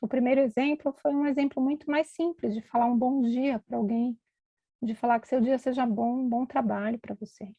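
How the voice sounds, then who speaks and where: A woman's voice: fairly high pitch, steady tone, a little fast, mellow, no echo, lo-fi sound. A middle-aged woman, a physician, giving a conversational storytelling talk at an event and acting out the voices of the people in her stories.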